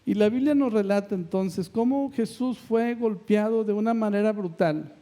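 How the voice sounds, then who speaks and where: A man's voice: high voice, moderate pace, mellow. A male pastor preaching a sermon with emphatic, repeated phrases.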